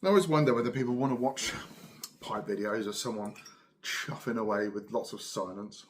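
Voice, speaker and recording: Middle-aged southern English man, lowish voice, casual solo chat, musing and unhurried, pausing to puff a pipe. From Cambridge, England. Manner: unhurried, musing, with pauses between puffs on a pipe. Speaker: pipe-smoking video host.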